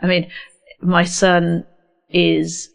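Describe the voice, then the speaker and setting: Drawing out her words in a lowish, creaky monotone, a middle-aged Englishwoman with a slight accent appears as a radio guest in a studio. She is a neurodiversity educator, speaking candidly and reflectively into a studio microphone, with many hesitations.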